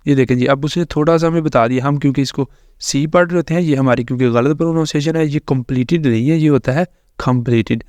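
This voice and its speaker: A man, explaining English grammar and pronunciation slowly and repetitively in a tutorial. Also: fairly high pitch, darkish tone, dry recording. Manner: slow, repetitive explaining with frequent fillers. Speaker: English teacher. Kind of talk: screen-recorded tutorial explanation.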